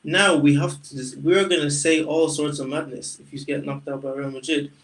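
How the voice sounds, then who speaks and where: A man's voice: on the high side, steady tone, normal speed, fairly bright tone, distant mic, low-quality recording. A man co-hosting a casual football podcast, arguing directly with casual slang. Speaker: podcast co-host, Liverpool fan.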